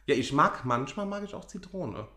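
A man's voice: fairly high pitch, very animated, moderate pace, pushed and bright. A man co-hosting a podcast in casual banter, joking and laughing often as he rambles along. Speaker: podcast co-host. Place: living room of a house.

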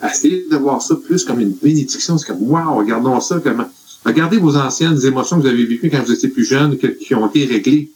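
This man's Quebec French accent comes through as he talks fast, his medium-pitched voice a little mellow. He's sincerely dispensing meandering life advice, full of fillers, in a casual group chat, and the audio is low quality.

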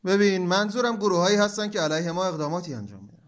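Guy doing a pompous interrogator, bossy, snaps orders, kinda high voice. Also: animated. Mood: accusing. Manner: bossy and commanding, snapping orders. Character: stern, pompous male interrogator. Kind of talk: comedy sketch acting.

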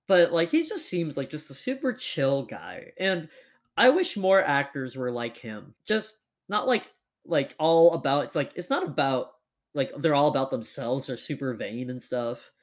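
A man's voice: a little high, big pitch swings, unhurried. A young man hosting a casual chat, rambling with lots of fillers. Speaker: podcast host.

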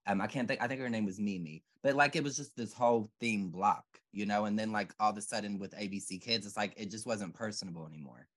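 A man's voice: fairly low pitch, quick pace, hardly any pauses, fairly bright tone. A man in casual chat, talking things over in a rambling, reflective way with many fillers.

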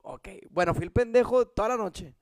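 A young man with a Mexican Spanish accent tells a story to a friend in a light, high voice. He laughs often and swears without a second thought. The sound is dry and close, with no room echo. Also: normal speed. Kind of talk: casual storytelling chat.

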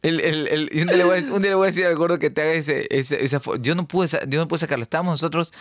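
A man's voice: a little high, fairly even intonation, rapid-fire, fairly bright tone, no echo, clean studio sound. A man, co-hosting a podcast in loose, joking talk that swears freely and often breaks off to restart. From Ecuador. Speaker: podcast co-host. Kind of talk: casual podcast chat.

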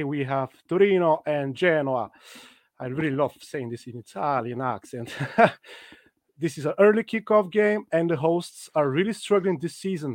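A man's voice: on the high side, no room sound, clean studio sound. Upbeat man hosting a live stream. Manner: upbeat, scripted presenter delivery. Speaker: host.

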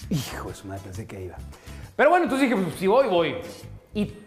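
A man's voice: sits high, huge pitch swings, brisk, reverberant, soft background music. A man with a Mexican Spanish accent, a sports commentator telling stories in a casual chat, with mock-pompous asides.

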